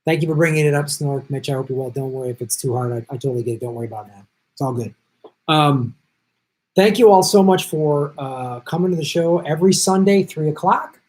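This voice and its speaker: In poor audio, a middle-aged man with a slightly high, somewhat mellow voice runs a live stream. Though jet-lagged and losing his voice, he reads viewer comments in a chatty, casual way, naming and thanking viewers with quick asides.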